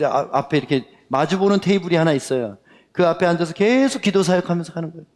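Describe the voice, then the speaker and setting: A man preaching a sermon, telling stories and acting out the dialogue in them. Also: on the high side. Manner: lively storytelling that acts out the dialogue. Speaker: pastor. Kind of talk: sermon with storytelling. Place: worship hall. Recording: long reverb of a worship hall.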